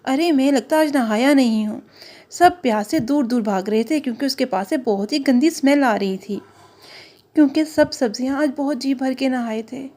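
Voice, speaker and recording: High-voiced woman telling a cartoon story. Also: moderate pace, dark tone. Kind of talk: children's cartoon narration.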